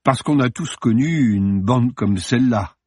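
A man's voice: mid-range voice, measured pace, darkish tone, slightly rough, dry recording, clean studio sound. A man reading the part of a nervous young woman, a film fan, who speaks hesitantly with stammers. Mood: tense hesitant. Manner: hesitant, stammering, then defiant.

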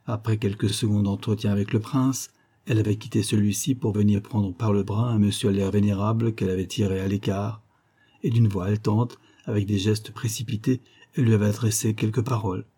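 Husky-voiced male audiobook narrator. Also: fairly low pitch, flat delivery, a little fast, mellow. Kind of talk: scripted narration.

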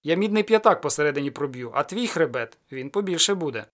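A man voicing a proud, quick-tempered cossack warrior in an audiobook, blunt and defiant. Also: on the high side, lively intonation, natural voice. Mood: indignant.

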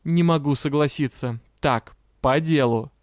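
A man's voice: a little high, unhurried, no echo, lightly acted. A man voicing a sardonic male lord and master of death magic with a dry, mocking manner.

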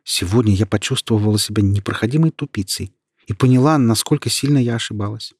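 A man's voice: fairly low pitch, fast talker, a little mellow, husky, no room sound, studio quality. A man voicing a proud young woman who is keen on science and explains at length, in an audiobook. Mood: apologetic. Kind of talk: audiobook character reading.

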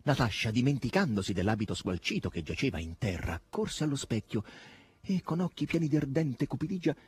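Male audiobook reader, very husky voice, lively expressive pitch, dramatic delivery. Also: a little fast, no room sound. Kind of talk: scripted narration.

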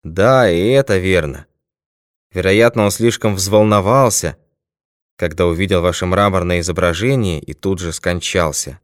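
A man doing a hoarse, blustering villain. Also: low voice, normal speed, no echo, studio quality, lightly acted. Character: cunning male murderer, hoarse and blustering.

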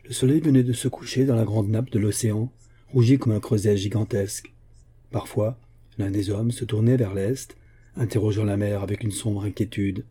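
A man reading a novel aloud in a steady, measured audiobook narration. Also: fairly low pitch, husky. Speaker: audiobook reader.

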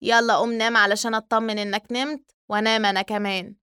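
A woman plays a loyal Egyptian young man calming his friend. He speaks in a soothing, urgent way with a fairly high voice. The sound is dry and close. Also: quick pace, clean tone, no room sound. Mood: gentle.

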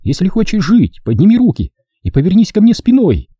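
A man reading an audiobook voices a young woman fighter who speaks tersely and gives sharp commands, in a raised, husky voice. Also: high-pitched, wildly swooping pitch, a little fast, no room sound, clean studio sound, pitched above the performer's own voice, full character voice. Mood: commanding.

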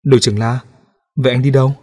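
A male audiobook narrator voicing a soft-spoken female police officer in a quiet, subdued manner. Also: medium pitch, fairly even intonation, quick pace, natural voice.

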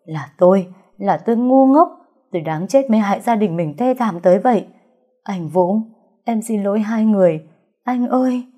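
A woman's voice: mid-range voice, expressive, moderate pace, dark tone, voice pushed up, lightly acted. A woman reading an audiobook, voicing a distraught young woman who is crying. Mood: grief-stricken. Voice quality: tearful, strained.

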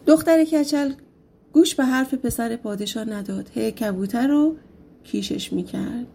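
A woman narrating an old folk tale for an audiobook. Her voice is mellow and breathy, pitched a little high. She tells the story in a loose, conversational way. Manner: casual colloquial storytelling.

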